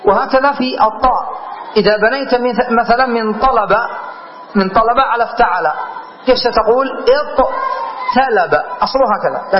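A sheikh teaching Arabic grammar in a classroom lesson, explaining step by step and checking whether his listeners follow. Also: high-pitched. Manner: patient step-by-step explaining, checks understanding with questions. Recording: dull lo-fi lecture recording.

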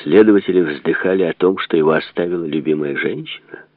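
A man reading an audiobook aloud in a measured, serious delivery, in a dry phone-like narrow recording. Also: low-pitched, no echo. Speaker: narrator.

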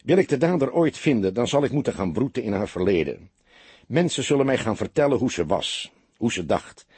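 A man's voice: medium pitch, very animated, a little fast, darkish tone, slightly rough, no echo. A man voicing a weary middle-aged police detective who speaks tersely and with dry sarcasm, barking out notes. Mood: sarcastic.

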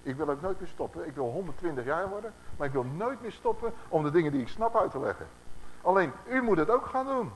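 A man delivers a conversational sermon to a congregation in a meeting room. His voice sits a little high and leaps around expressively as he teaches. He keeps turning to his listeners with rhetorical questions. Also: quick pace, a little hiss or hum, poor audio. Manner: animated, asks the audience rhetorical questions. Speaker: preacher.

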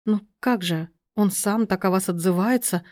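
A woman's voice: medium pitch, moderate pace, darkish tone, close to an everyday voice. A woman reading aloud and voicing a sly young woman who talks sweetly and feigns innocence.

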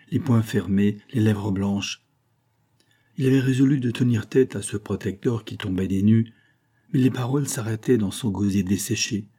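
Man reading a classic novel aloud, measured and dramatic, dark mellow husky voice. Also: lowish voice. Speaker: audiobook narrator. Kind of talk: literary audiobook narration.

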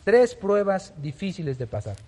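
A man's voice: sits high, very animated, moderate pace, a little mellow. A man giving a Bible teaching, explaining at length with many fillers and restarts.

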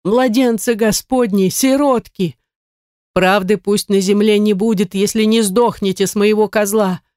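A bitter, superstitious old grandmother, as the reader puts her on, shrieking curses and accusations in a dry, close storybook reading. Her voice sits at a middling pitch and climbs sharply as she accuses. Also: fairly even intonation, a little slow, a little mellow, dry recording, close to an everyday voice. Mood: bitter accusing. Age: older. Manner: shrill, accusing, cursing.

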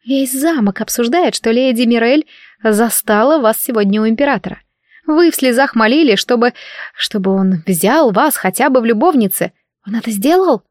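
A woman's voice: a little high, lively intonation, normal speed, dry recording, clean studio sound, pitched above the performer's own voice, lightly acted. Woman doing a chirpy gossiping young maid. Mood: gossipy. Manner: chirpy, scandalized. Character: young maid, gossipy, prim and wide-eyed.

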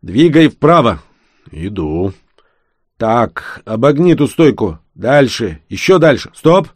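A man's voice: medium pitch, big pitch swings, takes it slowly, no room sound, pitched above the performer's own voice. A man voicing a short-tempered male hacker who barks orders and insults his partner, for an audiobook. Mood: bossy. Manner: shouting, impatient, insulting.

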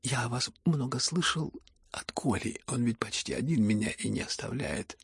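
Reading a storybook, a man voices a dying young man in a calm, ironic way, his words hoarse and barely above a whisper. His pitch is medium, his pace moderate, and there's no echo.

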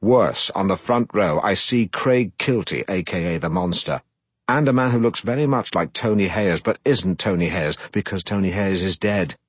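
Middle-aged male narrator, low husky voice, deadpan and self-important comic audiobook read. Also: moderate pace, no room sound.

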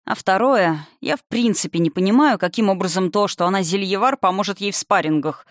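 A man's voice: sits high, fairly quick, a bit bright, dry recording, studio quality. A reader voicing a young male silver dragon, irritable and gloomy, who talks in a sarcastic, snapping way in an audiobook. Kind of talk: audiobook character reading.

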